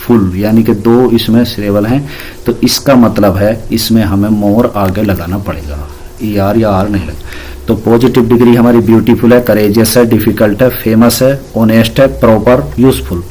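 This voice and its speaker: A man's voice: lowish voice, moderate pace, warm tone, slight background noise. A man teaching an English grammar lesson, patiently explaining rules and spelling words out letter by letter.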